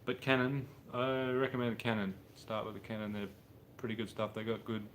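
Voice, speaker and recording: A thirtysomething man from Brisbane, Australia, talks in a lowish, fairly even, slightly bright voice at a fairly quick clip, with a bit of background noise. He's livestreaming from his home mechanic workshop with a car up on the hoist, answering viewers in a laid-back, rambling, slangy way.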